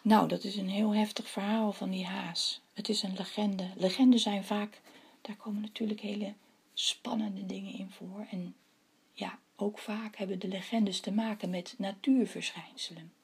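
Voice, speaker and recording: A woman's voice: mid-range voice, steady tone, moderate pace, vocal fry, breathy edge. A woman reading a legend aloud and then talking to her listeners, giving them a task. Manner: addresses listeners with tasks. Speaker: storyteller.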